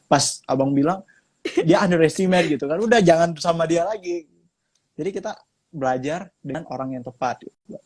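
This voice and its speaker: A young man talking as a podcast guest, relaxed and joking as he refers to himself as big brother. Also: a little high, moderate pace. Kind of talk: casual podcast chat.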